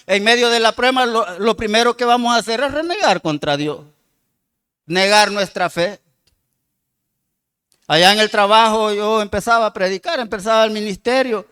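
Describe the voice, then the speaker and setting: A man preaching a sermon, reading scripture slowly and loudly and calling the congregation "hermanos" again and again. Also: high voice, clear, resonant tone. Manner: addresses the congregation with frequent "hermano" and "amados hermanos". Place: church.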